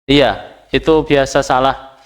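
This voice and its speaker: A man leads a classroom Arabic lesson, saying each phrase slowly and translating it with patience in a flat, mid-range voice. He checks often that students are following and quizzes them with short questions.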